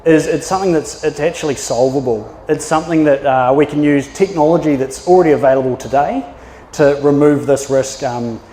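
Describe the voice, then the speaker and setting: This thirties-aged New Zealand man, a maritime archaeologist, talks briskly with a warm, steady, slightly high voice. His public presentation in a yacht club function room is chatty and anecdotal, dotted with fillers and restarts. There's slight background noise, and the hall echoes with long reverb.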